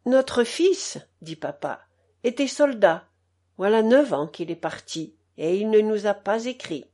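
A woman's voice: mid-range voice, animated, a little slow, dark tone. A woman doing a worried innkeeper father. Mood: earnest.

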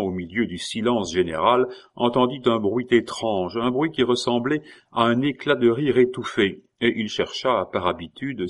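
A man reading a historical novel aloud in a measured, even storytelling manner. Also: fairly low pitch. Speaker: audiobook reader. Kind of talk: scripted narration of a historical novel.

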